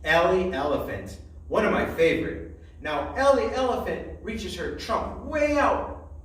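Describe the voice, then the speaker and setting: A man's voice: high-pitched, animated, a little slow, fairly bright tone, far from the mic. A man teaching young children a phonics lesson in a sing-song voice, drawing out each letter sound. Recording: echoey room, voice from the mic.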